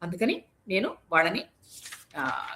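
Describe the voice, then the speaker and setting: A woman's voice: fairly low pitch, huge pitch swings, measured pace, fairly bright tone, full character voice. A woman voicing an enraged male demon warrior who demands to know who hurt his sister, speaking in angry, threatening rhetorical questions.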